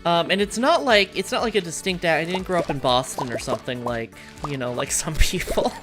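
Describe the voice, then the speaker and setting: While gaming, a female streamer and host rambles frankly through a casual chat, swearing now and then. She has a lowish, expressive voice and talks briskly over game music.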